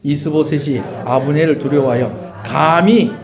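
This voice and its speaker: A male pastor gives a sermon as an animated storyteller, often asking his congregation questions. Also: on the high side, unhurried, echoey room, crowd noise. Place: church sanctuary.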